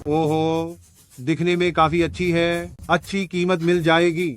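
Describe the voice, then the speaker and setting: An actor playing a swaggering gambling-den thug who collects debts, in a Hindi drama dub. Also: male voice, a little high, little pitch movement, a little slow, clear, resonant tone, soft background music, close to an everyday voice. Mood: sneering. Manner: sneering, swaggering. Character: brash male gambling-den thug, bullying debt collector.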